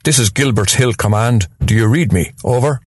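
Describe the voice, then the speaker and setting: A man's voice: medium pitch, normal speed, breathy edge, no echo. A man reading a story voices a male command-base radio operator calling in over a crackling walkie-talkie radio. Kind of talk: storytelling narration.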